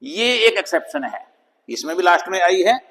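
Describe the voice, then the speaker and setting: A man's voice: sing-song, fairly bright tone. Patient teacher, man, reverberant room. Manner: patient, repeats example words slowly, drops pitch on model words. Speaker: English pronunciation teacher. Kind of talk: explanatory lesson.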